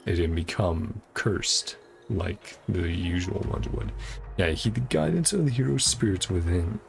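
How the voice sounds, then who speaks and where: Music plays beneath a man's low, gravelly voice as he moves at a measured pace through a story quest. A gaming content creator, he offers casual commentary, reading game text aloud and speculating to himself along the way.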